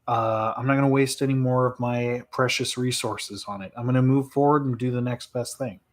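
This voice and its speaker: A man's voice: mid-range voice, steady tone, brisk. Rambling, reflective man chatting live. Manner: rambling, reflective, with frequent laughs and fillers. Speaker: streamer answering viewer questions. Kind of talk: casual live chat. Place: home live stream.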